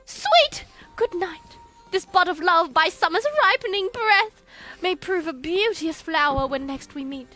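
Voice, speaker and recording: Lovesick young shakespeare heroine, super high bright voice, big dramatic theatre delivery. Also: female voice, lively intonation, unhurried, soft background music, heavily acted. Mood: tender, ardent. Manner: impassioned, declamatory. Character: ardent young woman in love, Juliet.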